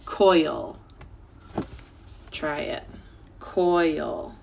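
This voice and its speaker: Slow, gravelly-voiced woman teaching phonics. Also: low voice, lively intonation, a little mellow, a little hiss or hum. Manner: slow, clear sounding-out of words. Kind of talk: online phonics lesson for children.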